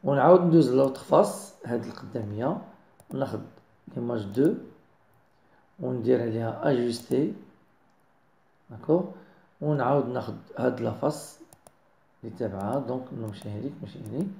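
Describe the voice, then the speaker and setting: A man with a Moroccan accent giving a software design tutorial, mixing in French words and often checking that viewers follow. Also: mid-range voice, a little fast, vocal fry, pauses often, reverberant. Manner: mixes French into explanations, keeps checking understanding. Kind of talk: screen-recorded software tutorial.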